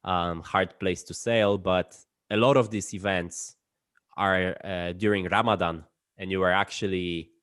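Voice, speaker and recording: A man's voice: deep voice, fairly even intonation, measured pace, a bit bright, clear, resonant tone, no echo, studio quality. A man hosting a casual interview, putting informal questions and rephrasing them as he goes. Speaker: interviewer, host.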